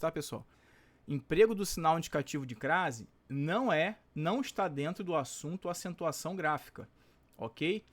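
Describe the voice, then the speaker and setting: A Brazilian Portuguese-accented male teacher, going through exam questions and checking in with the class after nearly every sentence. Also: on the high side. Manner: chatty, checks in constantly with tag questions; stretches out example words slowly. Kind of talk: exam-prep lesson solving test questions.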